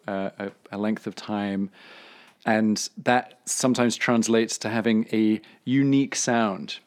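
A man hosting a casual podcast interview, thoughtful and often repeating words as he starts sentences. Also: on the low side.

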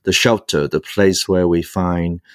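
A Hong Kong man in his sixties, a priest and author, shares his personal story as an interview guest. His low voice holds a steady tone, recorded in studio quality with no room sound. He speaks haltingly, with frequent long hesitations and repeated fillers as he searches for words.

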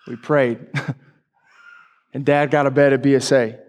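Emotional preacher sharing a story. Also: male voice, medium pitch, flat delivery, unhurried, a little mellow. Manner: emotional, candid personal storytelling. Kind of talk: sermon.

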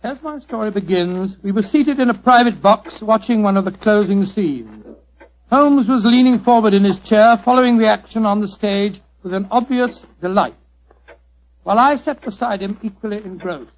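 A man's voice: sits high, normal speed. A man playing a genial, easily astonished doctor with an English accent, fussy and bluff, in old radio narration and drama. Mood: storytelling. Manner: fussy, bluff, exclamatory storyteller. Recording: noisy, dull vintage radio recording.

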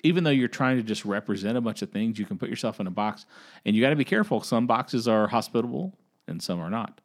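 A man's voice: lowish voice, lively intonation, fast. A man from the American South with a Southern accent, co-hosting a casual Bible discussion and talking conversationally, often repeating words as he restarts. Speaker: podcast co-host.

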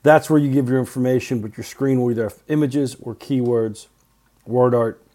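A man's voice: mid-range voice, steady tone, normal speed, dark tone. A middle-aged male teacher recording class announcements for his students' podcast, talking in clipped short phrases with earnest reminders.

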